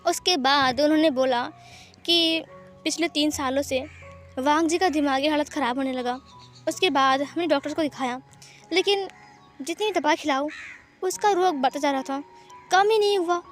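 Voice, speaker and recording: High-voiced woman narrating a story. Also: moderate pace, pauses often, soft background music. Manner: lively, acting out every character. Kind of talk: storytelling reading of fan fiction.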